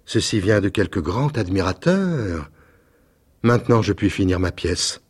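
A man voicing a poor young male student in a storybook reading, high and drawn out. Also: animated, unhurried, husky, heavily acted. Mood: delighted.

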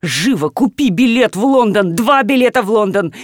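A woman's voice: mid-range voice, expressive, normal speed, dry recording, studio quality, lightly acted. A woman voicing a furious, bossy wealthy father who barks orders at his household, in an audiobook. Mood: raging, commanding. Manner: shouting, barking orders. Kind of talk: audiobook character voice.

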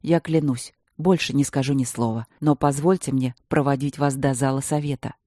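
A narrator playing a loyal, devoted male guard captain who speaks slowly and earnestly. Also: mid-range voice, steady tone, a little mellow, no echo, clean studio sound, close to an everyday voice.

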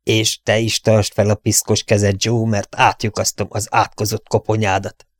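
A sneering young villain, as a male audiobook reader puts him on, mocking his captives and laughing between threats. The voice sits fairly low with a dry, close sound. He gloats over every word. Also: monotone, no room sound, lightly acted. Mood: gloating, menacing. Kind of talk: audiobook character reading.

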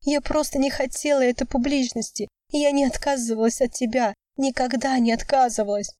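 A woman's voice: sits high, fairly even intonation, fairly quick, mellow, dry recording, studio quality, voice pushed up, natural voice. A woman voicing a tearful young woman pleading with her lover in an audiobook.

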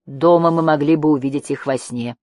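A woman's voice: fairly quick, darkish tone, dry recording, clean studio sound, soft background music, close to an everyday voice. A woman voicing a tiny, timid young female creature who speaks in a thin little voice. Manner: high, thin, frightened.

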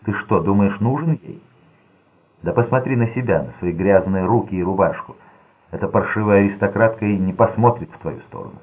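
A man voicing a harsh, domineering middle-aged gang mother who talks gruffly and snaps. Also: low-pitched, fairly quick. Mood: snapping. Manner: gruff and snapping. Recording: tinny lo-fi narrow-band audio.

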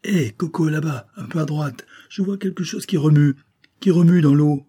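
A man voicing a cheeky, mocking young ship's boy with a raised, excited voice. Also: moderate pace, slightly rough. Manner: high, excited, teasing.

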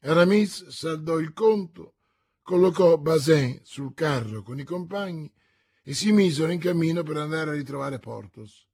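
A man narrating a classic novel as an audiobook reader, in a theatrical, expressive way. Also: a little high, normal speed, creaky, slightly rough.

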